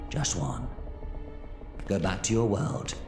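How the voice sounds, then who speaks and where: A man playing an eccentric, commanding time-travelling alien adventurer in an audio drama, with a theatrical, excitable delivery. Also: medium pitch, slow, vocal fry, over music. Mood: grave, warning.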